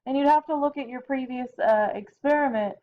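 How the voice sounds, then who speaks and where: A woman's voice: sits high, fairly quick. A tired woman biology teacher giving a chatty recorded lecture from home, correcting herself and adding casual asides. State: tired, yawning. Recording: dull lo-fi home recording with faint noise.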